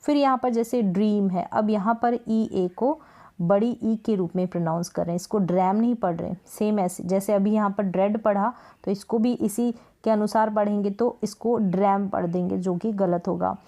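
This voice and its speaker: A woman with a mellow, warm voice teaches English pronunciation. She sounds out each word slowly, repeats it and gives its meaning, in a patient and repetitive classroom manner. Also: mid-range voice. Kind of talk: explaining pronunciation rules.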